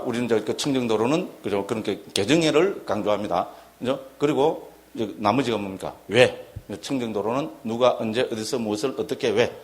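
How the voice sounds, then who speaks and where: A middle-aged man, a Buddhist monk giving a dharma lecture, who keeps asking his listeners rhetorical questions and checking that they follow. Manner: acts out shouted quotes in a higher voice.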